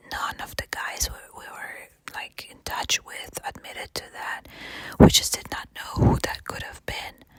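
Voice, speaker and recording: A woman telling a casual, candid ASMR storytime in a quiet, hushed late-night whisper. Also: low-quality recording. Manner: casual, candid, swearing freely.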